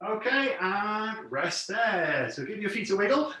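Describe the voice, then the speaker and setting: Male exercise instructor, higher-pitched, encouraging and clear with cues and counts, heard from a distance in a heavily echoing room. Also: very animated, measured pace, bright, forceful tone. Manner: encouraging, plain step-by-step cueing. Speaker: fitness class instructor. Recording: very echoey room, distant mic.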